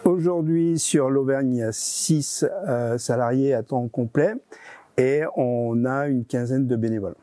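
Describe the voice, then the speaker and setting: In this interview, a man who serves as a nonprofit's regional deputy director explains things in a mid-range, warm voice at a measured pace. He hesitates and keeps repeating his words as he answers.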